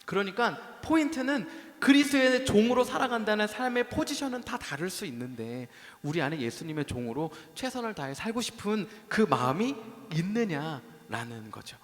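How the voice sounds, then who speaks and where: A man preaching a sermon as pastor, animated and acting out the voices he quotes, in a church meeting hall. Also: high voice, moderate pace, hardly any pauses. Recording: reverberant hall sound.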